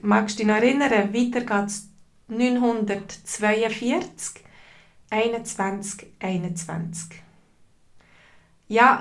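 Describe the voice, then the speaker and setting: A woman's voice: mid-range voice, creaky. A woman with a Swiss German accent teaching a live online lesson, patiently repeating phrases and greeting viewers in the chat. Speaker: language teacher.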